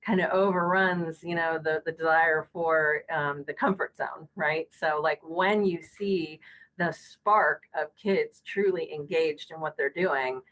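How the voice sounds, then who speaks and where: A woman's voice: low voice, steady tone, unhurried, fairly bright tone, rough recording. A middle-aged woman speaking as a podcast guest on school technology, earnest and casual, full of fillers and restarts.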